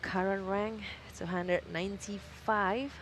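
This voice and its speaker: A woman's voice: mid-range voice, fairly even intonation, takes it slowly, a little hiss or hum. A woman working as a golf co-commentator, giving live commentary on a tournament.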